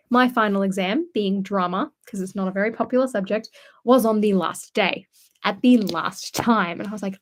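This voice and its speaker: A young woman hosting a casual live stream, telling rambling stories and answering comments in a chatty way. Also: mid-range voice. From Australia. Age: young adult. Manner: chatty rambling storyteller, many fillers. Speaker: channel host. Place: at home indoors.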